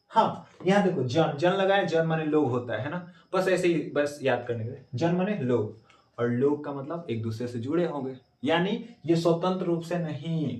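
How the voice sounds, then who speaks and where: A male teacher giving a classroom lecture. He repeats key words, quizzes his students, and drops low and soft to answer his own questions. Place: classroom with a board. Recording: echoey classroom, voice from a distance.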